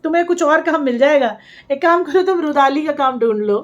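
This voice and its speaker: A woman's voice: sits high, brisk, highs cut off. A woman making a reaction vlog, scolding and sarcastic, talking straight to the camera. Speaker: vlogger.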